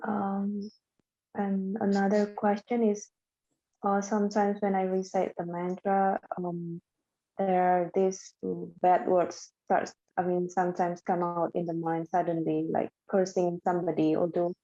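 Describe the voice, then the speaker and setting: A woman's voice: on the low side, little pitch movement, unhurried, dark tone. Hesitant woman on a video call. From Indonesia. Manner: hesitant, many ums. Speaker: participant asking questions. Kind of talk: asking questions on a video call. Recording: muffled video call audio.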